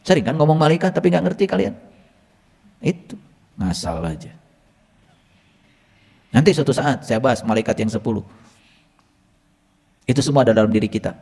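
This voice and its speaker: A man's voice: mid-range voice, lively intonation, moderate pace, long pauses, dark tone. A male religious teacher gives a teaching lecture, teasing his listeners with rhetorical questions. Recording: long reverb from a hall.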